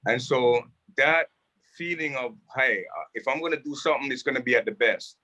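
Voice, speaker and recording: A man's voice: medium pitch, fairly quick, rough recording. A man from Jamaica, a music producer, telling stories with animation in casual conversation from a rehearsal building. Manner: animated storytelling.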